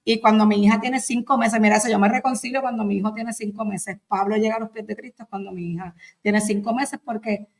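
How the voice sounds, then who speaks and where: A woman's voice: mid-range voice, fairly quick, few pauses. A woman, a podcast guest giving a personal faith testimony and acting out the voices of people in her story. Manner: animated storytelling, acting out quoted speech.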